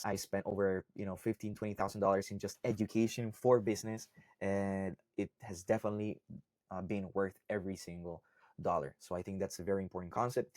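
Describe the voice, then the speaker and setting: A man's voice: low voice, a little mellow, dry recording, clean studio sound. A young man from Costa Rica, a salsa instructor, talking casually to camera and often checking in with "right?" and "okay?". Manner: conversational, often ends points with "right?" and "okay?". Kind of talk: casual explainer talk to camera.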